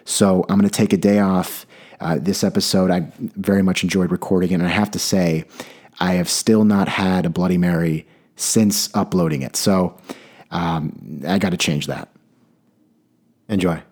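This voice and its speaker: This podcast host is a young adult man with a low, scratchy voice that sounds like a sore throat, speaking at normal speed. He rambles through a comic monologue on his own, telling stories animatedly and restarting again and again.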